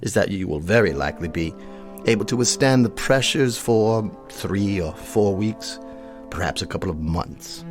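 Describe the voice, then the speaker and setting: In a radio drama, an actor with a lowish male voice plays a haughty old colonel, speaking formally, precisely and with scornful disdain.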